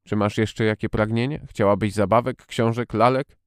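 A man voicing a weary, sickly middle-aged guardian who talks slowly and absently, read as an audiobook character. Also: on the low side, fairly even intonation, smooth, no echo, studio quality, natural voice. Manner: tired, slow, absent-minded.

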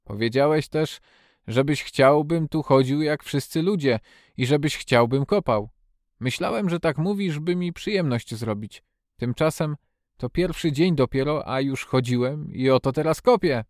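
A man voicing a frail young boy in a storybook reading, talking quickly and eagerly with a commanding edge. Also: mid-range voice, darkish tone, no echo, clean studio sound, natural voice.

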